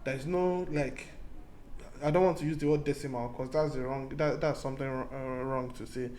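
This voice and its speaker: A male programming tutor gives a casual screen-recorded coding lesson, thinking aloud and often restarting and repeating his key points. His voice is medium-pitched, fairly even in intonation, fairly quick and a little mellow. A little hiss or hum can be heard.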